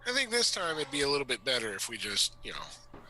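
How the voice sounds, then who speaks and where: Bright, easygoing man playing a tabletop game. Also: medium pitch, fast talker, a little hiss or hum, low-quality recording. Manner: relaxed, hedging, recaps with "I believe". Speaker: player. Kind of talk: casual chat at a game table over a call.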